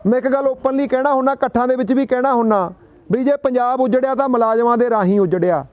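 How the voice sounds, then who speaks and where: A man's voice: very high voice, quick pace, dry recording, highs cut off. A man with a Punjabi accent addressing a gathering, telling folksy stories and asking rhetorical questions. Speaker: public speaker. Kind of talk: speech to a gathering.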